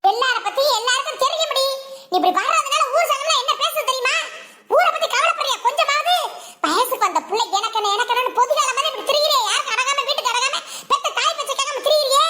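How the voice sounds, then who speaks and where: A woman voicing a strict, shrill middle-aged village mother who scolds her daughter in a cartoon. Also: fast talker, echoey room, slight background noise. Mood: scolding. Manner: shouting and scolding.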